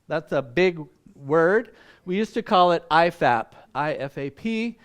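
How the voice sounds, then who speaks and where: A man's voice: high-pitched, smooth. A man in his sixties whose first language is Vietnamese, giving a friendly, conversational missions talk at church with many ums and uhs. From Vietnam and Malaysia. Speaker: visiting missions speaker. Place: church meeting room.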